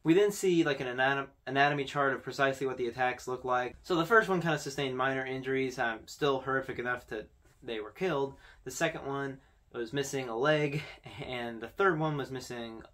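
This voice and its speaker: A young adult man hosts a video from a small indoor room with posters, offering casual commentary as he talks to camera. He speaks at a moderate pace, with a medium-pitched, somewhat bright voice.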